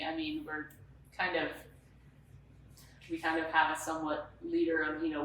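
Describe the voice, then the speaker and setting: A woman's voice: deep voice, a bit bright, recorded from a distance. A woman in a casual roundtable, speaking hesitantly and searching for words. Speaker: roundtable participant. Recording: roomy sound from off-mic with faint noise.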